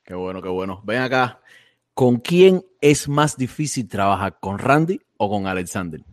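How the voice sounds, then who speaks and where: A man's voice: lowish voice, animated, normal speed. A man interviewing a guest casually, with short affirming replies and direct questions.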